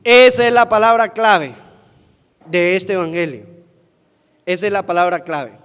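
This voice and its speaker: High-voiced priest preaching. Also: male voice, a little slow, fairly bright tone, clean tone. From Venezuela. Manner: asks the congregation questions and answers them himself. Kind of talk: sermon at Mass. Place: church. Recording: long church reverb.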